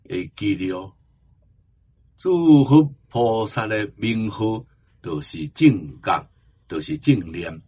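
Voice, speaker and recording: A man giving a Buddhist Dharma talk, slow and emphatic, drawing out the ends of his phrases. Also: on the low side, sing-song, a little mellow, slightly rough. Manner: slow, emphatic exhortation with drawn-out endings. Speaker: Buddhist teacher.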